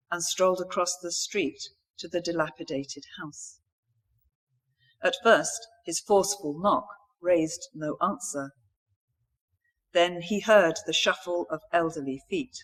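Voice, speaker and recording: A woman author reading a mystery novel aloud in a steady, even storytelling manner. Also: low voice.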